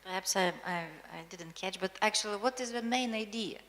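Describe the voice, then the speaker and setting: A woman's voice: medium pitch, brisk, a bit bright, a little hiss or hum. A woman in the audience asking the presenters a puzzled question. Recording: distant in a reverberant hall.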